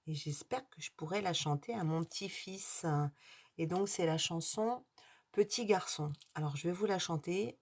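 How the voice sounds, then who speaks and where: A woman's voice: low voice, a little mellow. A middle-aged woman vlogging casually to her viewers, hesitant, with many fillers and restarts. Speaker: YouTuber answering a tag.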